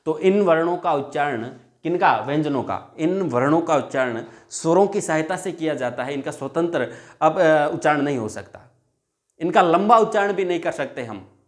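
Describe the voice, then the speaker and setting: A man's voice: on the high side, animated, normal speed. A male teacher giving a classroom lesson, repeating each point and drawing out example sounds, calling viewers his friends. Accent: Hindi.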